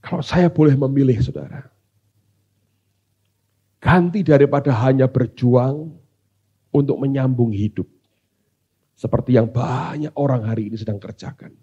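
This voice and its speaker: A male pastor preaching a sermon. He switches between hushed asides and loud, dramatic exclamations. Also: mid-range voice, normal speed, long pauses, husky, muffled recording.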